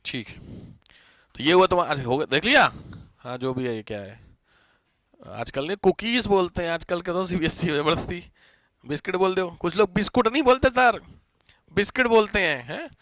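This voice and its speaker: A man teaching a live online class. His voice sits a little high and sounds bright and forceful. He talks in a chatty, teasing way and drops English terms into his explanations. The recording is close and dry. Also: lively intonation, moderate pace, long pauses, no echo.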